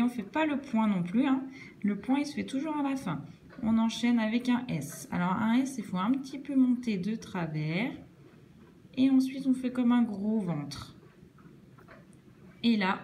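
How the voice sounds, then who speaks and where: A woman teacher walks young children through cursive handwriting, one stroke at a time. Her voice is mellow and unhurried, with a patient, instructive manner. A faint hiss sits under the recording. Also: fairly high pitch. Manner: slow, patient step-by-step explaining.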